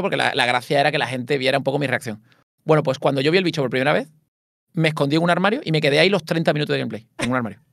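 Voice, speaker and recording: Fast-talking man, swears a lot. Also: on the high side, creaky, no room sound, clean studio sound. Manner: swearing, animated and self-mocking. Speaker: streamer and interview guest. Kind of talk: casual interview chat.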